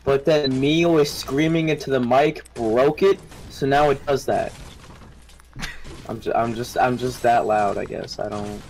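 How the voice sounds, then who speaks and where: A man chatting casually and joking loudly while playing an online game with friends on a headset mic. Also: medium pitch, unhurried, slight background noise, poor audio. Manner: animated, jokey, loud bursts. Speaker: gamer. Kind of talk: casual gaming chat with friends.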